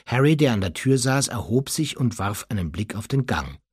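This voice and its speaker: Husky-voiced man reading an audiobook. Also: medium pitch, normal speed, dry recording, studio quality. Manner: expressive storytelling, voicing the characters. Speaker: narrator.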